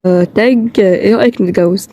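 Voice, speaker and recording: A woman's voice: medium pitch, fast, dark tone, lightly acted. A woman with an Egyptian accent voicing an earnest young man who insists, exasperated, on being understood.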